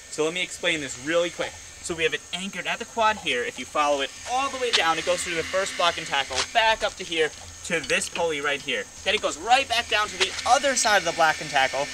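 A man hosting a hobby vlog outdoors, explaining an experiment with energetic, cheerful talk. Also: a little high, background noise. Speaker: RC hobby channel host. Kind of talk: excited demo vlog.

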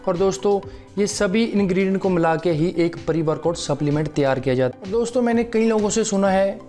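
A man's voice: high-pitched, a little fast, mellow, soft background music. A young man reviewing a fitness supplement to camera from his living room, explaining in a friendly way and often calling out to viewers as friends. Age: young adult. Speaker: fitness vlogger. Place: living room at home, seated on sofa. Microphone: lapel mic.

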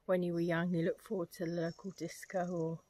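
A woman's voice: fairly low pitch, little pitch movement, fairly quick, warm tone. A middle-aged woman chatting casually to camera as a vlogger, rambling conversationally and adding tag questions. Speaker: gardening vlogger. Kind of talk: casual catch-up chat to camera.

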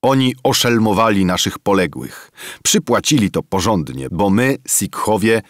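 A man's voice: on the low side, sing-song, moderate pace, no room sound, studio quality, pitched above the performer's own voice. A man doing a boastful old soldier. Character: boastful old male soldier telling war tales. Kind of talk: audiobook character reading.

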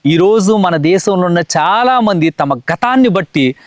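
Earnest high-voiced male preacher. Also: animated, measured pace, dry recording. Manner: earnest, repetitive preaching cadence. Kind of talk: sermon.

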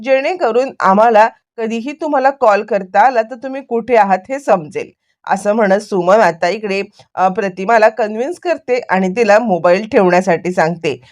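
A woman's voice: medium pitch, moderate pace. A woman narrating a recap of a TV serial, retelling each scene and acting out the characters' lines herself.

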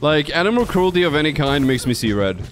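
A young Swedish game streamer, Swedish being his first language, chats casually with viewers as he plays, swearing a lot and speaking bluntly right to chat. His voice is fairly high, sing-song, and fairly quick.

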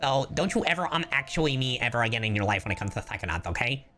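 A man's voice: medium pitch, expressive, rapid-fire, sharp tone. A male streamer giving casual, chatty gameplay commentary and swearing freely.

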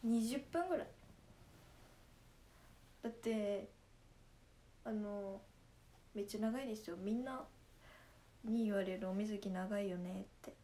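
A young idol livestreamer from Nagasaki, Japan, chats playfully with her viewers in Nagasaki dialect on a casual stream, laughing often. Her voice is fairly high and mellow, slow with long pauses, and there's slight background noise.

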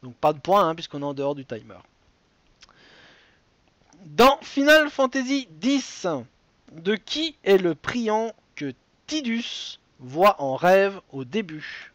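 A man's voice: high voice, sing-song, takes it slowly, a bit bright, no echo, highs cut off. A man with a French accent hosting a live-streamed quiz game, chatty and full of joking asides and restarts. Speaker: quiz show host.

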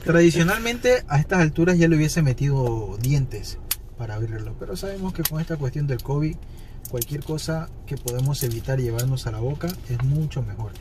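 In a parked car at night, a thirtysomething toy collector vlogger unboxes toys and talks straight to his viewers in a chatty, upbeat manner. His medium-pitched voice is expressive and darkish in tone, moving at a moderate pace against slight background noise.

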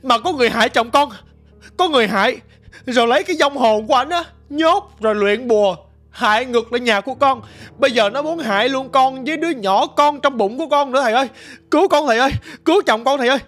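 A man's voice: very high-pitched, fast talker, fairly bright tone, faint music behind. A man doing a frantic pregnant widow, pleading and wailing in a ghost story.

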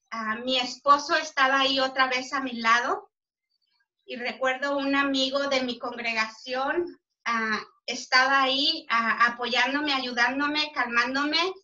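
Brief: woman telling her own story in a bright, high, slow voice, earnest and halting, heard from a distance on a muffled recording. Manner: halting, with frequent fillers and restarts; earnest and emotional. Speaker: member sharing a personal story. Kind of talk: personal testimony.

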